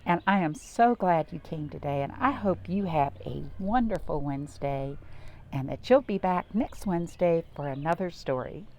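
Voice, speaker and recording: Speaking at a normal speed, a woman with a low, darkish, expressive voice hosts a children's storytime. Her read-aloud stories and craft talk use simple, repeated phrases aimed directly at the young listeners.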